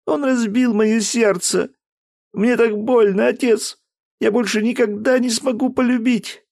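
A man's voice: sits high, huge pitch swings, moderate pace, husky, no room sound, clean studio sound, voice pushed up, full character voice. A male narrator voicing a tearful, stubborn young woman who refuses to open her door. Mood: bitter. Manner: crying, shouting through a door.

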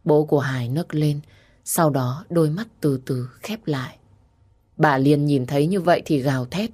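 A woman's voice: normal speed, dark tone. A woman narrating a family story aloud. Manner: reads every character herself, rising to high-pitched cries for the grieving.

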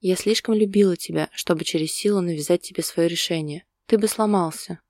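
A woman reading the part of a heartbroken young woman, speaking quietly with tearful resolve. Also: fairly low pitch, a little fast, no echo, studio quality, natural voice. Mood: sorrowful.

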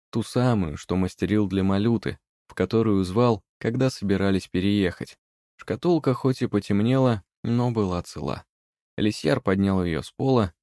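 A male narrator reads a fairy tale in a calm, even manner. His voice sits low. The recording is dry and close, with no room sound. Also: no echo. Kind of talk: audiobook narration.

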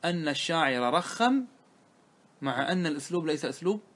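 A man's slightly high, animated and somewhat bright voice carries a grammar lesson on a classical poem, taken line by line. Questions go out to the listeners, but he answers them himself, and he slows down to recite the verses.

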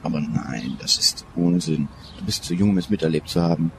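An older professor of Egyptology in a radio play. He speaks in a very low voice, measured and in command. A faint hiss runs under it. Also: creaky. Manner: measured, authoritative.

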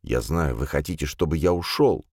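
Male reader playing a courteous ghost in a storybook, low, gentle and unhurried, a touch hushed. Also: no echo, clean studio sound. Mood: gentle, patient. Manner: calm, courteous, soft-spoken. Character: tall pale ghost, polite and patient man.

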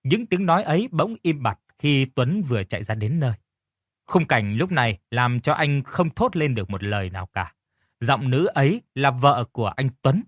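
A man narrating an audiobook story with steady, clearly phrased storytelling. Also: medium pitch, moderate pace, no echo, studio quality.

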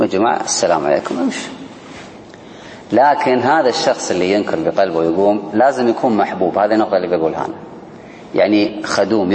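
A man teaches a religious lesson, talking quickly in a lowish voice. He acts out the people he quotes, with sudden pitch jumps. He is recorded in a roomy hall with a long echo and faint background noise. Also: darkish tone. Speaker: sheikh teaching a book on worship.

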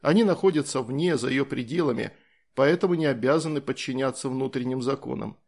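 A man reading as a calm, easygoing soldier. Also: medium pitch, fairly quick, lightly acted.

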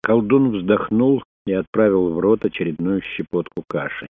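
Deep-voiced male audiobook narrator. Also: normal speed, no echo. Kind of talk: scripted thriller narration. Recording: dry, phone-like narrow sound.

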